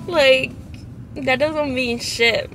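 A woman's voice: sits high, fairly even intonation, extremely slow. A young woman chatting casually in a car at night, telling stories in a rambling way full of likes, picked up by a dashboard camera. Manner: rambling storyteller, many likes. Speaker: guest. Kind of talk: casual chat. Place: inside a parked car at night. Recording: car with noise behind.

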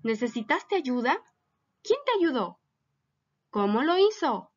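A woman's voice: sits high, very animated, takes it slowly, a little mellow, muffled recording. A woman teacher giving a recorded lesson for children, patiently asking them many questions.

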